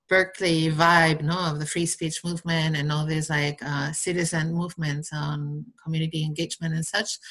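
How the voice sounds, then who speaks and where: Female interviewee, deep-register voice, Basque Spanish accent, conversational, searching for words and adding little tag questions. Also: fairly bright tone. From Basque Country, Spain. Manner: halting, rambling, tags phrases with "no?". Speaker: interview guest, entrepreneur. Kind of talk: casual conversational interview answers.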